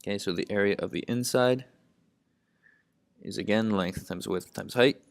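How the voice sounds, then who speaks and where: A man with a low, deep voice tutors math, working problems out loud step by step. He leans on "okay" as a constant verbal tic. The sound is close and dry, with no room around it. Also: normal speed, no echo. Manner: says "okay" constantly, thinks aloud step by step. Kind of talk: lesson narration while writing.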